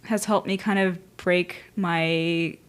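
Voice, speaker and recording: A guest from Vancouver giving thoughtful, measured answers in a casual interview. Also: medium pitch, fairly even intonation, clean tone. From Vancouver, Canada. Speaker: guest artist.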